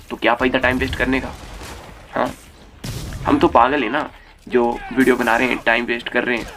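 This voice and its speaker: A man's voice: mid-range voice, a bit bright. A young man giving a heated, crude commentary rant as a YouTube commentator, swearing freely. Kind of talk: ranting commentary.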